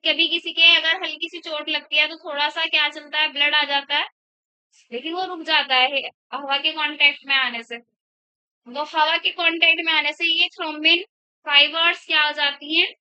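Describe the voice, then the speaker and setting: A woman's voice: high-pitched, fairly even intonation, normal speed, bright, forceful tone, no room sound. A woman biology teacher lecturing in a classroom, asking the class questions and repeating their answers back, in a dull lo-fi recording. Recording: dull lo-fi sound.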